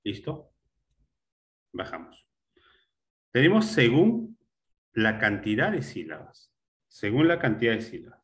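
A male teacher giving a classroom grammar lesson, explaining step by step, repeating words and often checking with a quick question. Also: medium pitch, wildly swooping pitch.

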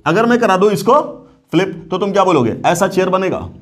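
A man with a high-pitched voice teaches chemistry to a class. He repeats his questions and keeps asking whether the students are clear. He talks in a casual, familiar way, calling them "beta". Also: animated, fairly quick, soft background music. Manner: repeats questions, checks understanding often. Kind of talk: classroom lecture.

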